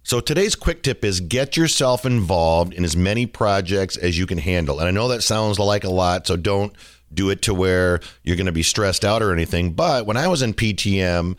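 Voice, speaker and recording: Man, middle-aged, podcast host, low voice, chatty, joking, dry sound. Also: animated, moderate pace, no echo. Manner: chatty, jokey storytelling with fillers. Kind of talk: casual podcast monologue.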